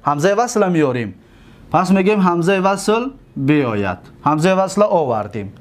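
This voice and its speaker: Tajik-accented male teacher, high-pitched, repetitive drilling, frequent comprehension checks. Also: big pitch swings, slight background noise. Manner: repetitive, drills word forms syllable by syllable; checks understanding with rhetorical questions. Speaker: teacher of Arabic morphology. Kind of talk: classroom lesson.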